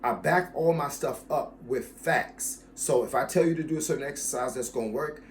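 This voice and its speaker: A fitness coach in his fifties talks straight to his viewers in a steady, mid-pitched voice. He hammers home each point by saying it again, with an easy, casual warmth toward his audience. A faint hiss sits under the recording. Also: moderate pace. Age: 50s. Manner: emphatic, repeats key phrases, addresses viewers as y'all. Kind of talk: casual talk to camera about his channel.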